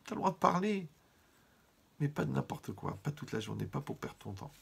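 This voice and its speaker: A man giving a lively Torah lesson, talking straight to his listeners and using funny everyday examples. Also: mid-range voice, normal speed, creaky, slightly rough. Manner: lively, talks to listeners directly, humorous examples. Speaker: rabbi teaching Torah.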